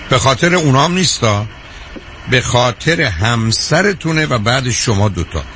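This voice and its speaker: A man hosting a call-in advice show on the radio, talking to callers frankly, calmly and directly. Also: medium pitch, a little hiss or hum.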